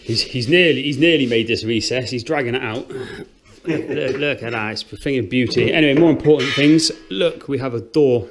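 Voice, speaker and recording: Filming inside a house he's renovating, a middle-aged vlogger keeps up casual narration full of dry sarcasm. He speaks at normal speed in a mid-range voice, and there's a slight hiss or hum on the recording.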